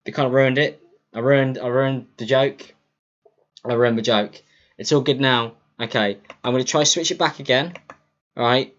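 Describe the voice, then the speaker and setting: A man's voice: medium pitch, moderate pace, a bit bright. A man chatting casually on a livestream through a cheap mic. He rambles, apologizes, and stumbles over his words. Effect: lo-fi livestream mic audio. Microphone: cheap computer mic for streaming. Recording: dull lo-fi streaming mic, faint music.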